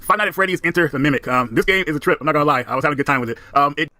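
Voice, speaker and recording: A man's voice: fairly high pitch, very fast, pushed and bright. A man giving casual vlog commentary as he reviews a game collection.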